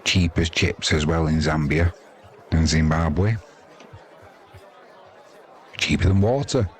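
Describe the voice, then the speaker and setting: With crowd noise in the background, this sports commentator speaks in a rumbling low voice at a slow pace. He's an older British man, 50s or older, calling cricket ball by ball in a loose, chatty, colloquial, rambling manner.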